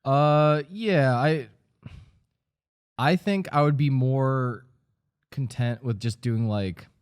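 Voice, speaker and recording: A man's voice: medium pitch, slow pace, clean tone. A man in his early thirties, a podcast co-host, speaking in a laid-back, hesitant way as he searches for his words in casual chat. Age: 30s.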